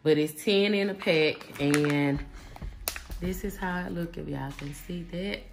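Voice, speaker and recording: A woman talks through her grocery haul in a low voice. Her delivery is relaxed and chatty, full of ums and likes. Faint music plays underneath. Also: a little slow, vocal fry. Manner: relaxed, chatty, many fillers. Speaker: vlogger. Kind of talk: casual grocery haul chat. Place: home kitchen.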